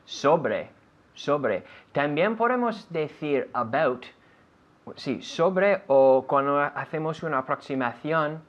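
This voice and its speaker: A man's voice: fairly high pitch, animated, takes it slowly. A man from Canada co-hosting an English lesson in a casual classroom chat, friendly, with small restarts. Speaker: co-host English teacher. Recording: dull lo-fi recording.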